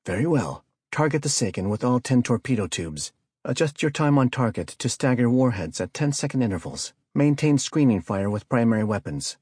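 A man voicing a stern female fleet admiral, giving clipped, crisp orders. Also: mid-range voice, big pitch swings, normal speed, dry recording, clean studio sound, voice pushed up. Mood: commanding.

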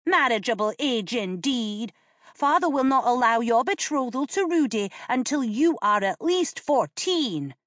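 Audiobook: woman doing a cocky little noble boy, high and quick-tempered, impatient and superior. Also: dry recording, clean studio sound, exaggerated voice. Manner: excited, superior, conspiratorial. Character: impatient eight-year-old noble boy, lofty tease.

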